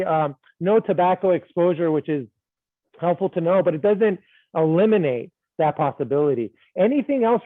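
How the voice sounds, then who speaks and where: On a video call, a man with a high-sitting voice thinks aloud through a medical case as the discussant, playful and self-deprecating. The sound is dry with no room echo, coming through a tinny, phone-like line.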